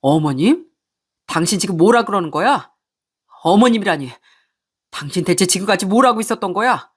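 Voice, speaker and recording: A woman's voice: medium pitch, expressive, normal speed, slightly rough. A woman voicing a betrayed husband who angrily accuses his wife. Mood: angry, accusing. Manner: angry, accusing.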